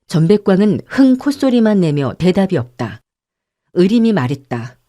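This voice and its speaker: A woman narrates an audiobook with calm, measured storytelling. Her voice is lowish and mellow. The recording is dry and close. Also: no room sound. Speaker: audiobook narrator and channel host.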